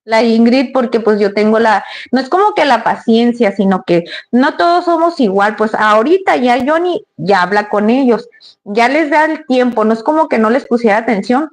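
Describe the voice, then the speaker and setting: A woman, chatting to her viewers in a rambling, storytelling way. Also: on the high side. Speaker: vlogger. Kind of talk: casual storytelling to the camera.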